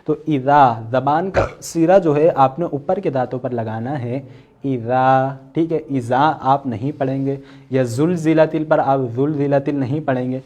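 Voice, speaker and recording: A man with a Pakistani Urdu accent teaching an online Quran recitation class, patiently explaining and slowly sounding out letters as examples. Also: medium pitch, warm tone, dull audio. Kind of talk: online tajweed lesson.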